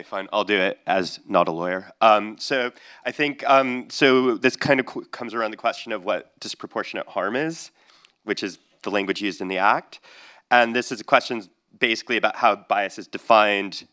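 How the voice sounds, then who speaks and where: A man speaking on a panel discussion, measured and a little wry. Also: lowish voice, sharp tone. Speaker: panelist, not a lawyer.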